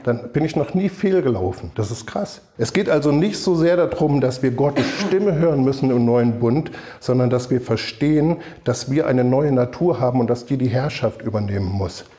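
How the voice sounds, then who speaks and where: Middle-aged male preacher, mellow and warm tone, emphatic conversational sermon delivery. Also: mid-range voice, animated, moderate pace, few pauses. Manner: emphatic, conversational, asks the audience for agreement.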